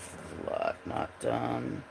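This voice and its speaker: Speaking slowly over background noise, a man hosts a livestream and rambles casually about his drawings in a froggy, gravelly voice. He meanders and lets his words trail off while searching for pieces.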